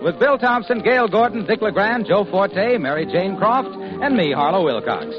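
Over music, a man with a high, expressive voice announces at normal speed in a chipper, polished 1950s radio advertising style full of upbeat salesmanship. He is a radio show announcer and sponsor pitchman, heard on a dull, lo-fi vintage radio recording.

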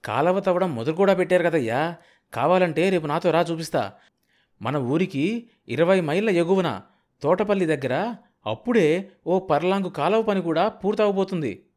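A man voicing an excited, scheming male village middleman who talks in a loud, high, insistent way. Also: normal speed, lightly acted. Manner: shouting, high-pitched and insistent.

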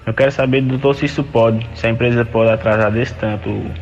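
A man's voice: medium pitch, steady tone, fast, darkish tone, soft background music. A man calling a radio show over the phone, laying out his question in a rambling, plain way. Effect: heard over the phone. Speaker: radio call-in listener. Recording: dull phone line from a distance.

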